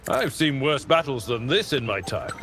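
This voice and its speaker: A man's voice: mid-range voice, lively intonation, moderate pace, slight background noise, lightly acted. A man voicing an unruffled, obliging battle veteran in a video game. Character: seasoned, unflappable loyal retainer and battle veteran. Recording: loud game music behind.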